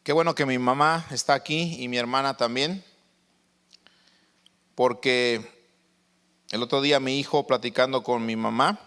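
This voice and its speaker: A man preaching a sermon as pastor, stressing and slowly stretching key words. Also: mid-range voice, steady tone, pushed and bright, clean tone, long reverb tail.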